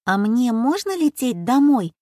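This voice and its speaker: A woman voicing Pilla, an anxious, brisk young girl, in a raised, lighter voice in an audiobook. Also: a little high, sing-song, mellow, no room sound, clean studio sound, pitched above the performer's own voice. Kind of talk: audiobook character voice.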